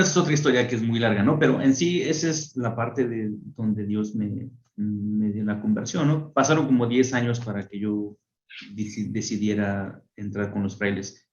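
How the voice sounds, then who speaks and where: A man's voice: on the low side, roomy sound, highs cut off. Man telling his conversion story on radio. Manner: animated storyteller who acts out voices. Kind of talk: radio interview, personal testimony. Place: radio studio.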